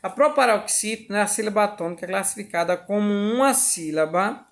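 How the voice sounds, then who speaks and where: A woman's voice: mid-range voice, lively intonation, a little fast. A woman teacher with a Brazilian Portuguese accent explaining a school lesson step by step, patient and repetitive, often checking that students follow.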